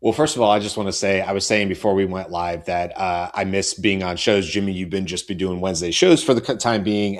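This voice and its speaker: A middle-aged man co-hosting a panel show, chatting casually with many fillers and restarts. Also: fairly low pitch. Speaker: co-host.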